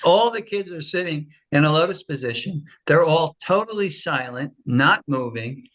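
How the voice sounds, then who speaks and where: A man, a retired schoolteacher, leading a spiritual class and telling a story in a casual, animated way. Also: a little high, normal speed, poor audio. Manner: animated storyteller, acts out quoted voices. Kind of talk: casual storytelling after a lecture.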